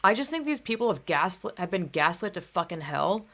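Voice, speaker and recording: A woman's voice: lowish voice, very animated, fairly quick, a bit bright. A young woman vlogging in a casual, heated monologue, swearing often and filling her talk with "like" and "dude.".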